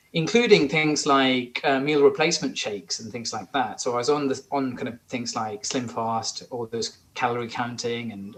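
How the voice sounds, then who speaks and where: A man's voice: medium pitch, fairly bright tone. Earnest man in his forties. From Sri Lanka. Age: 40s. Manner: earnest, eager, with some restarts. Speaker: podcast guest. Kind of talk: conversational interview.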